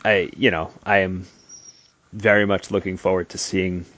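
A man's voice: deep voice, level tone, moderate pace, a bit bright, lo-fi sound. A man co-hosting a comic book podcast, chatting casually and laughing often as he talks. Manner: easygoing, laughs often while talking. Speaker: podcast co-host. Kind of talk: casual chat.

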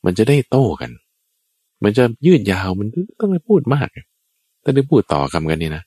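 A man giving a Buddhist sermon, retelling a scripture tale in a lively, colloquial way and speaking directly to his listeners. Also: on the low side, normal speed, no room sound. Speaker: Buddhist preacher. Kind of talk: sermon with storytelling.

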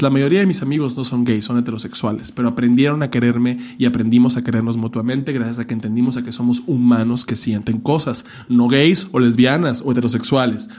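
Hombre de acento mexicano; conversación casual, directo, groserías y humor camp en sus consejos. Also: male voice, mid-range voice, a little mellow. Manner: frank, profane, earnest advice with campy asides. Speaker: podcast guest telling his coming-out story. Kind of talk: casual chat.

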